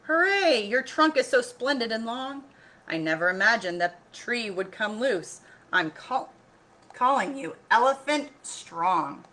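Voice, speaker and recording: A woman's voice: on the high side, very animated, measured pace, bright, forceful tone, pitched above the performer's own voice, full character voice. A woman voicing an imperious, boisterous elephant king in a storybook, commanding and theatrical, with big exclamations. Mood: delighted, impressed.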